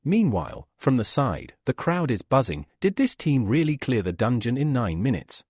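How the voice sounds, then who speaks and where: Male recap narrator, scripted storytelling, husky voice, very lively pitch, dry close sound. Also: normal speed, no room sound.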